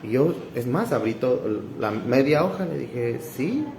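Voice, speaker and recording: Pastor preaching in an echoey hall. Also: male voice, medium pitch, expressive, a little slow, vocal fry, darkish tone, slight background noise. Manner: emphatic, repetitive, addresses listeners as brother. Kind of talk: sermon. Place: church hall.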